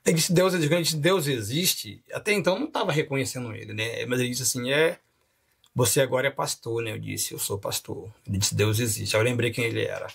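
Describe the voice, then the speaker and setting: Gravelly-voiced pastor telling his story. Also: mid-range voice, fast. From Rio de Janeiro. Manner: animated storyteller, laughs often. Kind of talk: podcast testimony storytelling.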